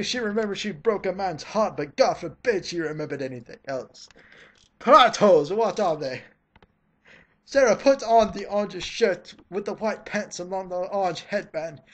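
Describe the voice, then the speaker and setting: Reading fan fiction aloud in an over-the-top dramatic style, a mid-pitched voice sounds theatrical and weary with exasperation. Between sentences, the reader stops to slip in snarky commentary.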